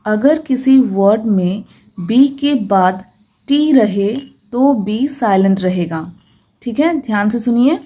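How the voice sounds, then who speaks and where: Woman giving a pronunciation lesson, soft mellow voice, patient and slow on the key rules. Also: on the high side. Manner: patient, slows down to stress rules. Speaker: English pronunciation teacher. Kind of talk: explanatory lesson.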